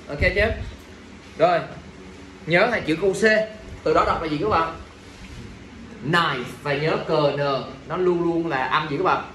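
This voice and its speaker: A man's voice: fairly high pitch, fairly bright tone. A male teacher running an exam review lesson, drilling his students with constant check-in questions in a classroom. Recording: echoey room, mic at a distance, faint ambient noise.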